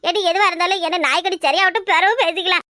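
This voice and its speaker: A tired old village mother-in-law from a cartoon, as a woman puts her on, grumbling wearily in a Kanyakumari accent. The voice stays high and sharp, recorded close and dry. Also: fairly even intonation, fast talker, no echo. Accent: Kanyakumari Tamil.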